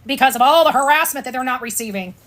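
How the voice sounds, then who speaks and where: An American woman, an online commentator and show host, gives informal, opinionated livestream commentary in a blunt, sarcastic style, repeating phrases for emphasis. Her voice sits high, expressive and a bit bright, at a quick pace.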